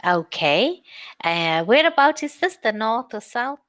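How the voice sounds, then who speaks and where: A woman from South Africa teaching English, asking friendly questions in an unhurried way with many fillers. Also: fairly high pitch, very animated, a bit bright. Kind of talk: conversation lesson on a call.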